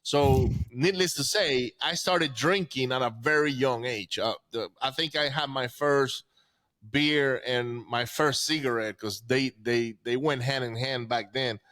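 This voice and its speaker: A man in his forties who grew up in Venezuela, a podcast guest telling his life story in a casual, halting way, with many restarts and repeated words. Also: mid-range voice, fairly bright tone.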